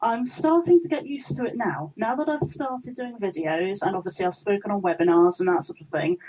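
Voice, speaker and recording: A talkative young English woman with a mellow, slightly husky voice. She chats easily as an interview guest, slipping into quick put-on voices for the people in her stories. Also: mid-range voice, poor audio. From England. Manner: chatty, laughs often, acts out little quoted voices. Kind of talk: casual interview chat.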